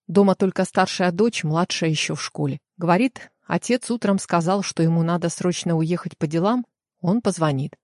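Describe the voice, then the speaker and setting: A woman's voice: fairly low pitch, moderate pace, a little mellow, dry recording, studio quality, lightly acted. A woman voicing a male police officer giving a matter-of-fact report in an audiobook.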